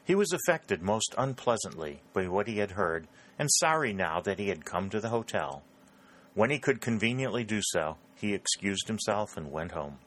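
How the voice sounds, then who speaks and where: A man narrating a historical novel in steady, scripted storytelling. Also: fairly low pitch, moderate pace. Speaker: audiobook narrator.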